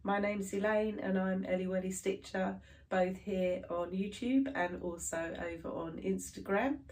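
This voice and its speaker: Her hay fever leaves this thirty-something cross stitch vlogger stuffed up as she chats to camera about her stitching. A mid-range voice with a darkish tone comes out a little slow, rambling and chatty with many fillers.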